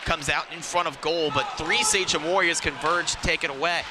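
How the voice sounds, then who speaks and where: A man's voice: on the high side, steady tone, a little fast. Man calling hockey play-by-play, noisy background. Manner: clipped phrases following the play. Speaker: play-by-play ice hockey commentator. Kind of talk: live sports commentary. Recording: noisy rink ambience around the mic.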